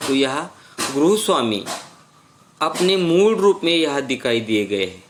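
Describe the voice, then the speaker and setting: A male teacher walks through a story lesson at a very slow, deliberate pace. He keeps checking that students follow with a questioning "hmm?". His voice sits at a middle pitch. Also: sing-song, noisy background.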